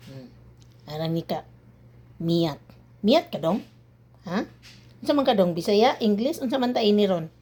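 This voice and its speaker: A woman's voice: medium pitch, animated, moderate pace, pauses often, mellow. A woman from the Philippines filming a home vlog, playfully coaxing her dog to howl and making long howling sounds herself. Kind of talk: casual home vlog talk to a pet.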